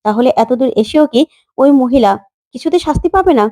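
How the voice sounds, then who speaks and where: An old grandfather frets aloud with anxious questions, as a woman narrator voices him. The voice stays warm and mellow, close and dry. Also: high voice, animated, fairly quick, no echo. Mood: worried.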